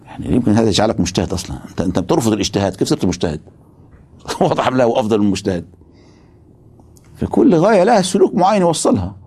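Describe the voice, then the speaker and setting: A man's voice: fairly low pitch, sing-song, very fast, pauses often, warm tone, slightly rough. A man giving a religious philosophy lecture, emphatic and stopping often to ask his students rhetorical questions.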